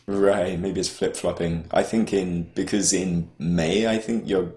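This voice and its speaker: Male podcast co-host, deep voice, hesitant rambling delivery, echoey recording. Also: steady tone, unhurried, darkish tone. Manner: rambling, hesitant, with many restarts. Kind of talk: casual podcast chat. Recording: roomy echo.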